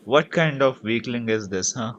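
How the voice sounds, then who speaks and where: A man's voice: mid-range voice, moderate pace, highs cut off, noisy background. Man chatting over gameplay. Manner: chatty, mixing Hindi and English, teasing. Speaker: streamer. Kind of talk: casual gameplay commentary. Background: game music.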